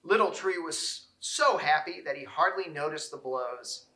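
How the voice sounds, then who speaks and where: In a room full of echo, a storybook reader gives an expressive read-aloud for children. His voice is bright and rather high, and he shapes each phrase with care.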